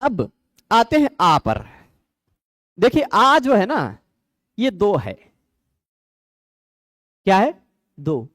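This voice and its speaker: A male Sanskrit grammar teacher, his pitch sitting high and swinging widely as he explains. He builds his points patiently, asks questions and answers them, and checks that his students follow. The recording is dry and close. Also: huge pitch swings, extremely slow, pauses often, a bit bright, no echo. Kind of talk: explanatory lecture.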